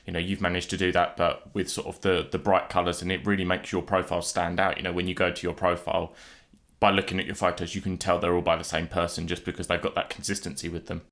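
A man's voice: low voice, level tone, fast, a bit bright. A man hosting a podcast in a casual, conversational interview style. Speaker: podcast host.

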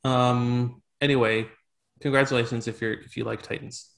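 A man hosting a loose podcast chat at an ordinary middle pitch. He talks in a relaxed way and often lets his sentences trail off into quiet mumbles. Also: moderate pace, gravelly, a crowd in the background. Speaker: podcast host. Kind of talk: casual chat.

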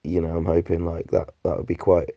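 A man's voice: low voice, monotone, brisk, dry recording. A British man with a rattly, chesty, flu-ridden voice, rambling casually through a sweary, slangy, laid-back voice note. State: sick with flu and a phlegmy cough. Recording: dull lo-fi voice recording.

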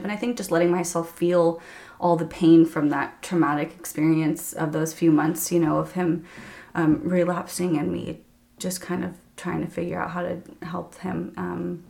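A woman in her thirties, a podcast guest, earnestly telling her personal faith story in a halting, emotional way. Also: on the low side, vocal fry, darkish tone. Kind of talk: candid personal faith testimony.

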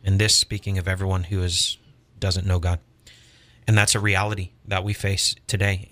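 A man co-hosting a faith podcast explains ideas in a measured, teacherly manner and cites scripture. His pitch is low, and his tone is bright and forceful. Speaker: podcast co-host. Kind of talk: preaching-toned discussion.

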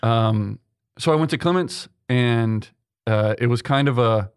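Speaking in a smooth, medium-pitched voice at a measured pace, a young Texan seminarian is the guest in a conversational interview. He answers earnestly, with plenty of ums and restarts. The recording is dry and has a clean studio sound.

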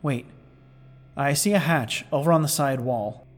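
A man voices a stranded starship lieutenant, sardonic and short-tempered after a disaster, in a sci-fi audio drama. His medium-pitched voice is close to everyday speech and a little slow, full of exasperated muttering and hesitant asides. The scene feels tense and cautious, and the recording is noisy with clicks.

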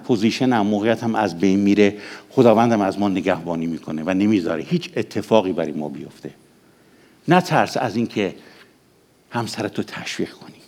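A middle-aged male pastor preaching a sermon, swinging from raised exhortation to hushed, intimate passages. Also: on the low side.

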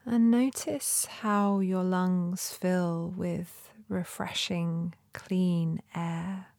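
A woman leading a guided meditation in a soft, breathy, often near-whispered voice with a gentle, soothing manner and long pauses. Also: fairly low pitch, fairly even intonation, no echo, studio quality.

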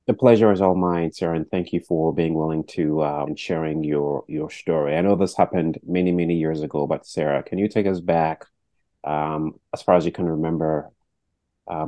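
A man's voice: a bass voice, mellow, no room sound. A man hosting a podcast interview, earnest and reacting often with "wow". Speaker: podcast host.

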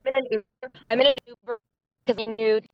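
A woman's voice: a little high, steady tone, fast talker, no room sound. A woman calling in as a guest from inside a car, her voice coming through a buzzy, glitchy video call that keeps breaking up. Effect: buzzy, glitchy video-call audio that keeps breaking up. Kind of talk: casual chat. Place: in a car on the road. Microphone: phone on a video call. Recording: dull lo-fi call line from a moving car.

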